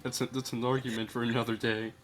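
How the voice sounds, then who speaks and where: A man's voice: medium pitch, flat delivery, fast, music in the background. A man chatting casually with friends on a voice call, laughing often and tripping over his words. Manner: laughs often, stammers and restarts.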